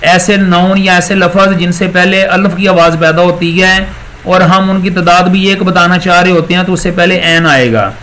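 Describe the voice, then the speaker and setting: Man, classroom lecturer, high voice, bright tone, patient step-by-step explaining. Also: steady tone, a little hiss or hum, low-quality recording. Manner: explains step by step, repeats words slowly, praises students. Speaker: English teacher.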